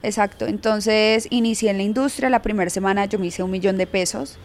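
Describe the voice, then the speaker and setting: A woman's voice: medium pitch, fairly even intonation, a little fast, a little hiss or hum. A young woman telling a personal story frankly, laughing often as an interview guest. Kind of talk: candid storytelling in conversation.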